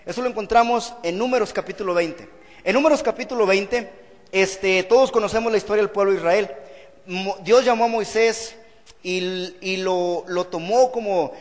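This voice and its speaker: A man's voice: sits high, in a large hall. A male pastor preaching an earnest sermon and repeating phrases for emphasis. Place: church hall.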